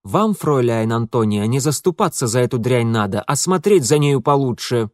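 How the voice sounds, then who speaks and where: A man's voice: mid-range voice, animated, normal speed, no echo, clean studio sound, close to an everyday voice. A man voicing an arrogant, irritated young cavalry lieutenant who talks scornfully.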